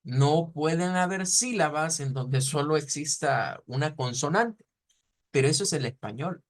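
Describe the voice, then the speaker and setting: Man, language teacher, slow repetitions, a bit high-pitched. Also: expressive. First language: Spanish. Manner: patient, explanatory, repeats sounds slowly to model pronunciation. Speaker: German teacher. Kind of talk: online language lesson.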